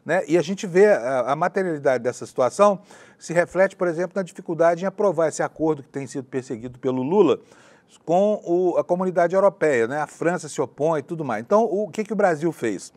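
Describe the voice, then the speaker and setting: Indignant, fairly high-voiced male commentator. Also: animated, brisk, darkish tone. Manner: indignant, sarcastic, conversational. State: hoarse after a long broadcast. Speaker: news commentator. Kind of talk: opinionated news commentary. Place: studio.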